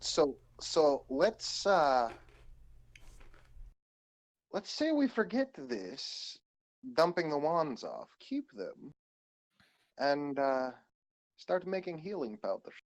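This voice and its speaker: A man's voice: fairly high pitch, sing-song, slow, long pauses. A man playing his character in a tabletop game, arguing stubbornly, with a put-on Russian accent that comes and goes. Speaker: player. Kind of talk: in-character tabletop role-play.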